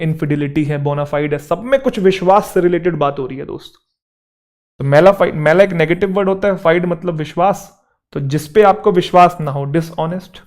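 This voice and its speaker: A man's voice: fairly high pitch, a little mellow. A man, teaching an English vocabulary lesson for exam students in Hindi mixed with English words, checking that his students follow along.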